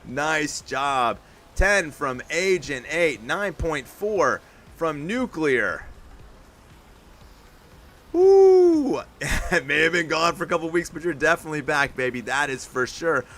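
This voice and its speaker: High, bright-voiced hyped-up male commentator. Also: a little slow. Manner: energetic hype, talks straight to chat. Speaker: stream host and announcer. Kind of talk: play-by-play game commentary.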